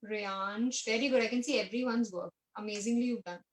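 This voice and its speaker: Indian woman art teacher, slow and patient, higher voice, coaxes the kids along. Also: rough recording. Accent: Indian English. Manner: patient, coaxing, repeats instructions, mixes Hindi and English. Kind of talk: online art class for children.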